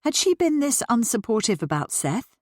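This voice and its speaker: A woman narrating a novel as an audiobook in a steady, clear storytelling manner. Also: a little high, normal speed, no room sound, clean studio sound.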